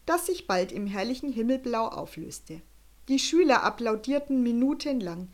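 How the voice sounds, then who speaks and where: A woman narrating a children's story with a lively, expressive reading. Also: on the high side.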